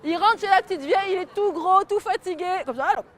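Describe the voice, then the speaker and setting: A woman's voice: very high voice, quick pace. A woman storyteller telling a folk tale to children and getting them to join in. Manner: lively, gets the audience to join in.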